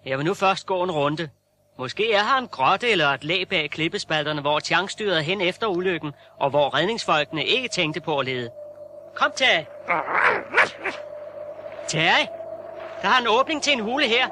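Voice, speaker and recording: A man's voice: high voice, expressive, long pauses. An actor playing a brave, determined young reporter who talks to his dog, in a radio play. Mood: searching. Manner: earnest, calling out to his dog. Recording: noisy old radio-play recording.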